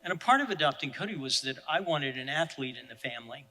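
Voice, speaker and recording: A male pastor, preaching in an animated, self-deprecating storytelling style. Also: medium pitch, fast, in a large hall, low-quality recording. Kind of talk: sermon storytelling.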